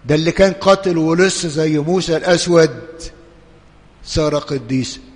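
A man with an Egyptian Arabic accent preaching a sermon as a priest, swinging between hushed urging and loud, impassioned pleading. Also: fairly high pitch, normal speed, long reverb tail.

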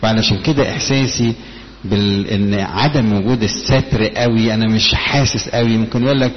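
Low-voiced Egyptian preacher in reverberant hall. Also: male voice, a little fast, lo-fi sound. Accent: Egyptian Arabic. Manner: colloquial preaching with scripture quotes, rising emphasis. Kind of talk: sermon.

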